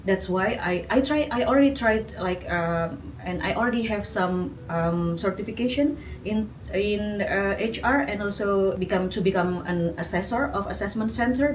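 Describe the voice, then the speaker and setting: A woman around forty with an Indonesian accent, answering interview questions in a thoughtful, halting way with many fillers. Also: mid-range voice. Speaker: interviewee, graduate student. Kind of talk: casual interview. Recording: distant mic, faint background noise.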